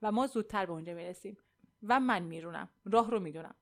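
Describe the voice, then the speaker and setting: A woman's voice: medium pitch, natural voice. A woman doing a glib, boastful architect man. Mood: confident, selling. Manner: glib, self-assured. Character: pushy, boastful male architect salesman.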